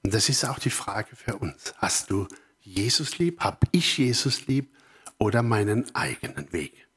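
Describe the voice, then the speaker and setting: A middle-aged man preaching a sermon, moving from emphatic points to hushed, whispered asides. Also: mid-range voice, slightly rough.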